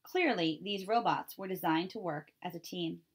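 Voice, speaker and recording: A woman reading a children's chapter book aloud in a clear, steady storytelling manner. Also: lowish voice, moderate pace. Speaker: reader.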